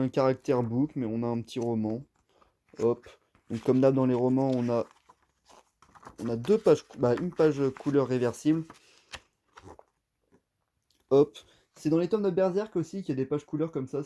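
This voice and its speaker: A man talks through an unboxing in a casual, rambling way, full of fillers and little asides. His voice is very mellow and dark, at an ordinary pitch for a man. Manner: rambling, filler-heavy, chatty. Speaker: unboxing vlogger. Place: at home.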